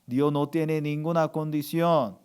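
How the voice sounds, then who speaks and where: A man's voice: on the high side, fairly even intonation, a little slow, darkish tone, clear, resonant tone. A male pastor preaching a sermon with emphatic call-and-response, asking the congregation to repeat after him.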